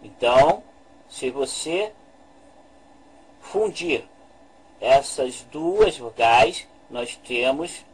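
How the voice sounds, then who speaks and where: A man giving a slow, deliberate lesson, repeating his points and pausing over each one as he talks over a screen recording. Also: mid-range voice, animated, slightly rough, rough recording. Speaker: religious language teacher.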